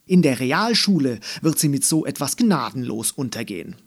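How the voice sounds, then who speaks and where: Guy reading a strict cold teacher lady, scolding hard, husky tone, storybook. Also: mid-range voice, very animated, normal speed. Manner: cold, severe, growing louder. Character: strict, stern middle-aged female teacher.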